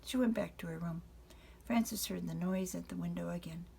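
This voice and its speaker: A grandmother reads a children's picture book aloud at an unhurried pace, stopping now and then to speak to the kids. Her voice is warm and fairly low, with some vocal fry, and there's a faint hiss or hum in the audio.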